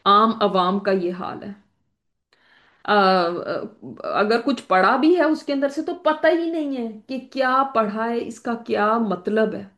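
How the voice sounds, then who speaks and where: A woman's voice: fairly high pitch, lively intonation, slow, a bit bright. A woman giving a religious lecture as a Quran teacher, explaining points through worked examples and rhetorical questions.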